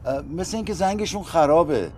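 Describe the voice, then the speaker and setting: A man's voice: a little high, animated, background noise, lightly acted. An actor playing a polite middle-aged man who speaks formally at a neighbor's door. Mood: polite, worried.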